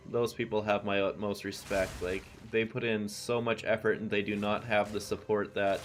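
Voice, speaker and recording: A native English-speaking man with a lowish voice chats casually with viewers while streaming a video game. He rambles easily between game callouts, with slight background noise.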